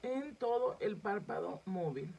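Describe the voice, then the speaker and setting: A woman's voice: medium pitch, animated, measured pace, vocal fry, dark tone, lo-fi sound. A woman makeup vlogger demonstrating a makeup tutorial, chatting directly to her viewers as she films herself at home. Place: home setup filming herself.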